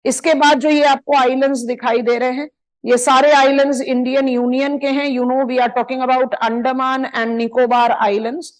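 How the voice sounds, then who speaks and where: A woman with an Indian accent teaching a live online geography map lesson, switching between Hindi and English and drawing on a map as she explains, drawing out key place names slowly. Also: high-pitched, little pitch movement, poor audio.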